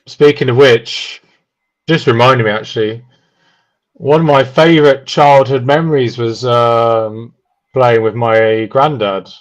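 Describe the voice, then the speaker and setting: A man giving relaxed, dry, chatty live commentary on a race, with many pauses and "um"s. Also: mid-range voice, lo-fi sound. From United Kingdom.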